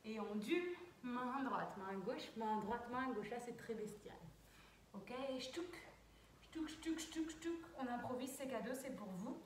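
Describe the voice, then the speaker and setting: A woman's voice: on the high side, normal speed, a little hiss or hum. A young woman dance teacher talking through a routine step by step, calling counts and sound cues as she moves. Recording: very echoey, far from mic.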